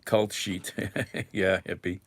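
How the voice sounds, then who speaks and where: A man hosting a casual live chat, rambling and musing aloud with soft chuckles. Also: sits low, level tone, takes it slowly, background noise. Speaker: livestream host.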